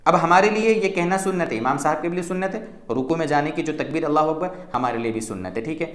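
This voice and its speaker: Patient, slightly high-voiced man teaching. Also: fast talker, a bit bright, roomy sound. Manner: patient, explanatory, repeats "theek hai" to check understanding. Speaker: mufti teaching prayer. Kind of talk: religious instruction talk.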